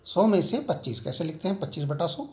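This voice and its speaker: A man's voice: fairly high pitch, expressive, fast talker, darkish tone. A middle-aged man teaching a school maths lesson, repeating key points and asking his students questions as he explains.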